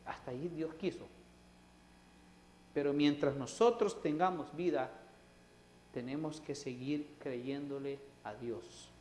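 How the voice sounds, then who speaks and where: A male pastor preaching a sermon, swinging between loud, emphatic lines and soft asides. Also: a little high, takes it slowly, pauses often, slight background noise. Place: church sanctuary. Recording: roomy church reverb.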